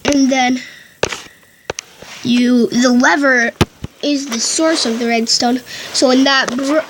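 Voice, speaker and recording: Talking through a casual game tutorial, this woman uses a high voice with fairly even intonation, captured by a headphone microphone that picks up loud background noise. Her narration is halting, often broken by restarts and self-corrections.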